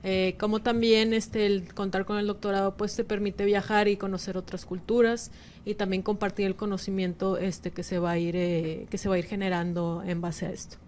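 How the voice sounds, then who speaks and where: A woman's voice: medium pitch, little pitch movement, normal speed, a little mellow, a little hiss or hum. A woman doctoral student presenting her drawing, hesitant with many fillers.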